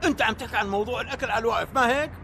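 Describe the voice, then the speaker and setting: A man's voice: very high-pitched, very fast, creaky, noisy background. A man playing a cheeky, reckless Syrian uncle in a drama, flippant and evasive, talking conversationally. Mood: defensive, evasive. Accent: Syrian Arabic.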